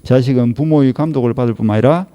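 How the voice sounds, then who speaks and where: A man's voice: medium pitch, fast, mellow. A middle-aged man with a Gyeongsang Korean accent gives an exam-prep law lecture, scolding and teasing his students with rhetorical questions.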